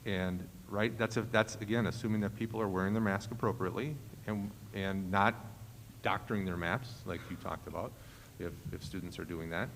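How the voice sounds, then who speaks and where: Male school official, deep, halting and explanatory, echoey meeting hall. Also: fairly bright tone. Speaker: school official advising the board. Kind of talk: meeting discussion. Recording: echoey hall with faint noise.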